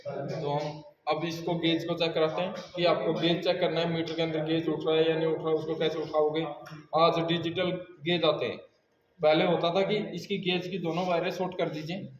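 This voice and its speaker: Guy showing students how to test a fuel pump with a meter, kinda high voice, roomy echo, people around. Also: level tone, normal speed, lo-fi sound. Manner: explains step by step, often checking with "ठीक है". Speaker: auto mechanic instructor. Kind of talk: hands-on workshop demonstration. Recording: echoey room with crowd noise.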